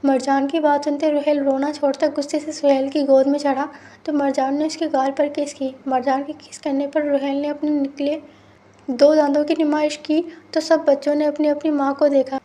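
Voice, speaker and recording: A woman's voice: sits high, level tone, moderate pace, mellow. A woman reading a romance novel aloud as storybook narration, voicing every character in much the same voice. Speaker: novel reader.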